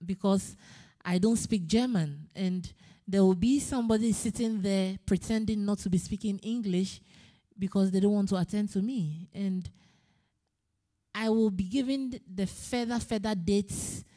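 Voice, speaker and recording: A woman from Ghana speaking earnestly and personally on a panel, pausing and restarting as she talks. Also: medium pitch, mellow. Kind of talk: panel discussion. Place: conference room.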